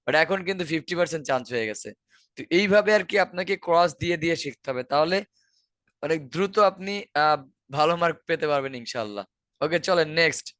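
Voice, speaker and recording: A man's voice: on the high side, lively intonation, quick pace, fairly bright tone, no room sound. Bangladeshi man teaching, repeating key words. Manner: explains step by step, repeats key words, asks rhetorical questions. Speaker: IELTS teacher. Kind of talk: online lesson explaining listening answers.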